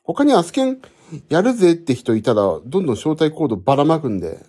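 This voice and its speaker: Husky man rambling casually into his phone. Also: on the high side, sing-song, quick pace, warm tone. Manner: rambling, self-correcting, thinks aloud while using his phone. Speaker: podcast host. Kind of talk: casual solo chat to listeners.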